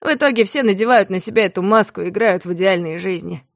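A woman's voice: medium pitch, quick pace, creaky, no room sound, clean studio sound, lightly acted. A woman voicing a drunk, heartbroken young man. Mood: despairing.

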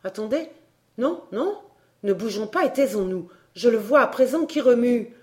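A woman voicing a drunken old male music master who shouts commands in wild exaltation. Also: on the high side, animated, moderate pace, close to an everyday voice. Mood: ecstatic.

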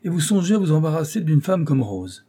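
Scheming aging job broker, read by a man, coaxing, ironic, lecturing, soft husky voice. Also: a little high, very animated, fairly quick, pitched above the performer's own voice, exaggerated voice. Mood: paternal. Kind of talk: audiobook character voice.

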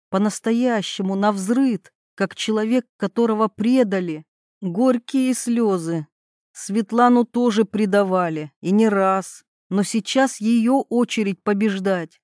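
Woman reading a novel aloud, even pace, close mic, dead dry. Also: medium pitch, unhurried, no echo. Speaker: audiobook narrator. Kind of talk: scripted narration.

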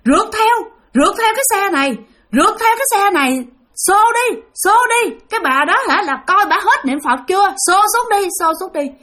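A woman's voice: very high-pitched, animated, moderate pace, sharp tone, voice pushed up, exaggerated voice. A woman voicing a bossy male ghost who urges his gang to push a bus off a cliff. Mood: urgent commanding. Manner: urgent, bossy, commanding.

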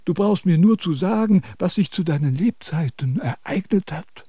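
A pompous, preachy old sage. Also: male voice, sits high, lively intonation, normal speed, warm tone, husky, dry recording, clean studio sound. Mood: lecturing. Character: self-important male sage, lecturing, fussy. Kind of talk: radio drama acting.

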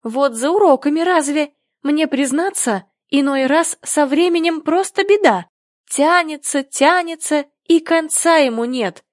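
A woman's voice: high-pitched, a little slow, dry recording, clean studio sound, pitched above the performer's own voice. A woman reading the part of a polite, earnest young girl in a storybook who takes offense easily. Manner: prim, earnest.

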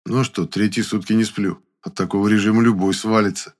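A man narrating an audiobook in the first person with an even storytelling delivery. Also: on the low side, a little fast.

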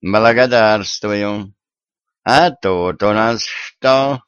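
A man's voice: fairly low pitch, drawn-out words, a bit bright, smooth, dry recording, dull audio. A man voicing a proud, commanding tsar who talks in archaic folksy phrases in an audiobook. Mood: gruff. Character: proud, blustering old-fashioned tsar.

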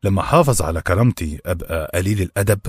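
A defiant young servant with an Egyptian accent argues with firm, impassioned conviction, as a male narrator voices him. The voice sits low and a little husky, in a dry, close recording with faint music behind. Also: animated, racing, no room sound. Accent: Egyptian Arabic.

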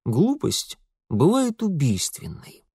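Guy doing cool dry-witted young fella, deadpan, sarcastic, dry close audio. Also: a little high, slow, creaky, slightly rough, no room sound, exaggerated voice.

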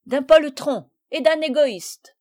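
An eager little boy of seven in a storybook, as a woman reader gives him voice. He pleads in a lively, heartfelt way. The voice sits a bit high and close, with no room echo. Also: moderate pace. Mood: earnest.

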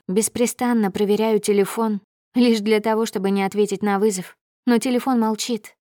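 A woman's voice: mid-range voice, darkish tone, dry recording, studio quality. A woman narrating a first-person audiobook.

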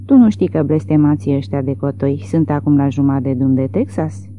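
A reader voicing a huge, enraged grown son who shouts in indignant bluster, on tinny phone-like audio. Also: medium pitch, a little hiss or hum, close to an everyday voice.

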